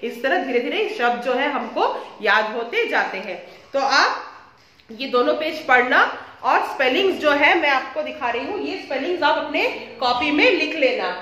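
A woman's voice: high voice, lively intonation, sharp tone, echoey room. A woman teaching young children to read, sounding words out syllable by syllable and explaining patiently. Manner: slow, syllable-by-syllable spelling out. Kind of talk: reading lesson for children.

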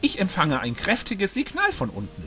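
A man's voice: high-pitched, wildly swooping pitch, normal speed, pushed and bright, faint music behind, pitched above the performer's own voice, heavily acted. A man reading the lines of an alert, caring male figure in the clouds in a fan-made audiobook, urgent and matter-of-fact.

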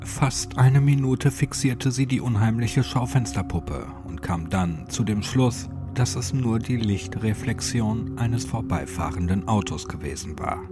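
A man narrating a scripted horror story with lively, expressive delivery. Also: on the low side, unhurried, hardly any pauses. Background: music.

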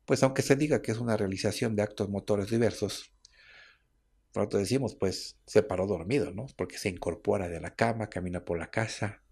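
Male radio host, husky fry in a lowish voice, conversational and explaining. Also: a little fast, darkish tone. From Mexico. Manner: chatty, explaining, with frequent tag questions. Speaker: radio host on herbal medicine. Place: radio studio.

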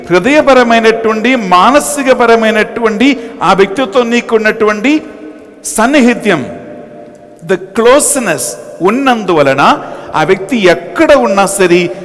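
A man, a priest, preaching a dramatic sermon, swinging between loud and soft. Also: extremely high pitch. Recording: long hall reverb.

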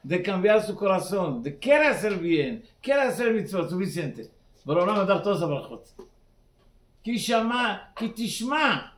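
A rabbi giving a weekly sermon in halting, simple Spanish that is sprinkled with terms. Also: male voice, sits high, sing-song, a bit bright, roomy sound.

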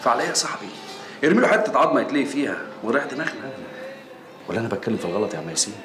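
An actor playing a shrewd, persuasive street boss with an Egyptian accent in a TV drama. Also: male voice, medium pitch, lively intonation, very fast, background noise, lightly acted. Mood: scheming. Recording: roomy with loud music.

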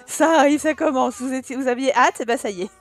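A woman commenting on her life-sim game playthrough in a chatty, animated way, laughing often and exclaiming at what happens on screen. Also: sits high, brisk, a little hiss or hum. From France. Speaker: gaming YouTuber. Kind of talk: Let's Play commentary.

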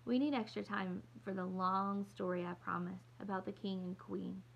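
A woman reading aloud, voicing a worried mother who keeps her voice brisk and cheerful. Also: medium pitch, fairly even intonation, vocal fry, dull audio, slight background noise, natural voice.

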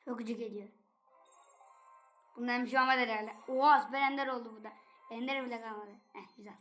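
A woman with a notably high voice runs through a casual let's-play, talking straight to her viewers. She is chatty and playful, easily excited by what happens on screen. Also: a little fast, faint music behind. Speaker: gaming channel host.

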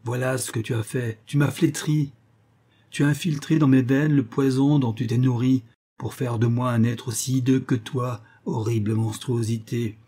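A man voicing a bitter young man who bursts out loudly in scorn and anger. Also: medium pitch, fairly even intonation, moderate pace, lightly acted. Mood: furious. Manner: loud, scornful outbursts.

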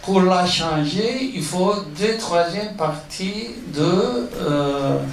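A man's voice: high voice, animated, drawn-out words. A man with a foreign, Iberian accent in non-native French, answering questions at a meeting and searching for his words. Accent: Spanish or Catalan accent in French. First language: not French. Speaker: guest speaker at a political meeting. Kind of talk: impromptu speech answering audience questions. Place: indoor meeting hall with an audience. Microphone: handheld microphone. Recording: echoey room, distant pickup, audience noise.

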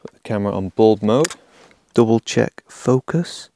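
A man in his thirties, a landscape photographer, calmly explaining his film-camera shoot outdoors in a forest, picked up by a camera mic a few meters away. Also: on the low side, normal speed. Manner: calm, explanatory, counts a long exposure in a whisper. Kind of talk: on-location vlog narration. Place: outdoors in an autumn beech forest.

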